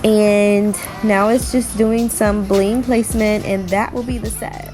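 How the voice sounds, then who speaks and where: A young woman chatting casually in a nail art vlog, talking in a lively, storytelling way full of "like" and "y'all". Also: mid-range voice, unhurried, over music. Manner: chatty and animated, telling stories with lots of "like" and "y'all".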